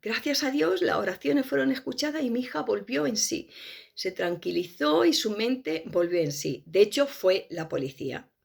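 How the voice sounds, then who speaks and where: Woman, personal testimony, gravelly fry, halting emotional storytelling. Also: a little high, sing-song, darkish tone. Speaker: testimony speaker.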